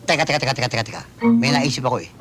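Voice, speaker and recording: A man's voice: mid-range voice, steady tone, racing, a bit bright, slight background noise, close to an everyday voice. An actor playing a touchy, comic man in a sitcom who bickers. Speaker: sitcom character. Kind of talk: sitcom acting.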